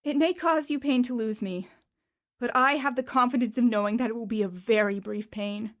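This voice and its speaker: A woman's voice: on the high side, moderate pace, natural voice. A woman playing sorrowful, resolute Belle. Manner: firm, sorrowful, clear. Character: young woman ending her engagement, sorrowful but firm.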